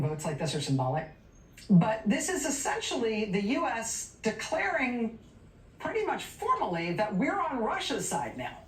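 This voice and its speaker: Woman news host, sardonic and emphatic, lively swooping pitch, heard from a little off-mic in a roomy space. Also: distant mic, slight background noise. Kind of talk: cable news monologue.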